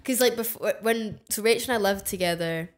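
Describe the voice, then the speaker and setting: A woman's voice: mid-range voice, moderate pace. A young woman hosting a casual chat in a cheeky, blunt, sweary way. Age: young adult. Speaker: host.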